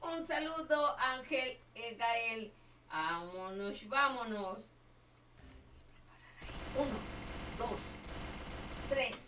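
A woman's voice: on the high side, very slow, pauses often, pushed and bright, slight background noise. An older woman, chatting on a live game stream and fondly calling everyone her children and her loves. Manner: doting, calls everyone my child and my love. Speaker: livestreaming gamer. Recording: echoey room, far from the mic.

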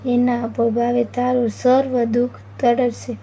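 Woman reading Shiva, calm and commanding. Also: fairly high pitch, unhurried. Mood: instructive. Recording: dull lo-fi with faint noise.

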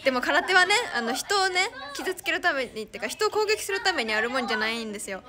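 A young woman with a high, bright voice and a Kansai accent chats casually to fans on a live stream. She giggles often and thanks viewers as she reads their comments. A crowd murmurs in the background. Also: animated, quick pace. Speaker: idol streamer.

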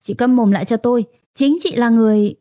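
A woman's voice: on the high side, a little fast, mellow, no room sound, studio quality, close to an everyday voice. A woman voicing a furious young wife.

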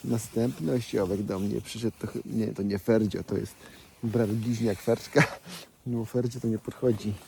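Man, lowish voice, cooing to animals outdoors, clear animal and field noise behind. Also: fairly even intonation, moderate pace. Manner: affectionate, chatty, talks baby-talk to donkeys. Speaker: animal sanctuary caretaker. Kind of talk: casual vlog talk to animals and viewers. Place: outdoors in a donkey paddock. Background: animal sounds outdoors.

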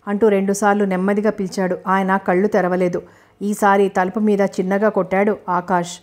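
A woman reading a novel aloud as an audiobook narrator, in a measured storytelling manner. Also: medium pitch, level tone, a little mellow.

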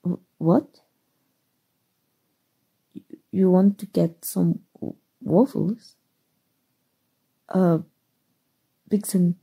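Voicing a young female hero in an ASMR roleplay, this woman performs a full character voice: flustered, soft-hearted, and stammering. Her tone is soft and husky at a medium pitch, carrying a Mexican accent.

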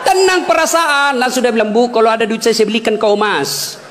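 A male preacher giving a humorous sermon, teasing his audience, shouting at times and crooning bits of songs. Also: high voice, quick pace. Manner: animated, teasing, swings between shouting and crooning song snippets.

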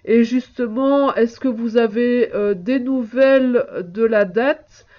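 Woman, fairly high voice, polite and unhurried answering machine message, muffled. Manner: measured, polite, with hesitant fillers. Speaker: caller. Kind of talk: phone message in a listening exercise.

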